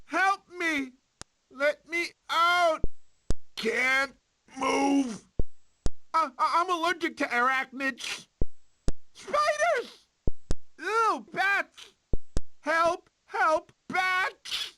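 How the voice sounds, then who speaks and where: Goofy male cartoon sloth, very animated pitch swings, bright forceful tone, whiny, cowardly, theatrical, video game clips. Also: extremely slow, long pauses, slight background noise, heavily acted. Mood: terrified.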